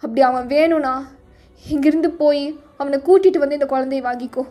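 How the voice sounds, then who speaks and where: A woman voicing a stern middle-aged mother who scolds her daughter harshly in a fan audio drama, with soft music behind. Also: high voice, fairly even intonation, close to an everyday voice. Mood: scolding. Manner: scolding, slow and cutting.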